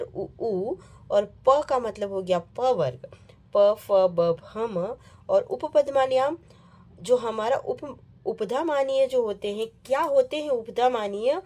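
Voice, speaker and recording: Slow, patient woman teacher. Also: fairly high pitch, animated, darkish tone. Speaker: Sanskrit teacher. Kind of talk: online classroom lesson.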